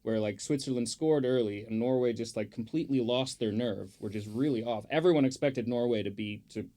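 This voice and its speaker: A man's voice: medium pitch, fairly quick, dark tone. A man chatting on a podcast as the football pundit, opinionated and rambling, with lots of fillers and the odd swear. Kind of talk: casual chat.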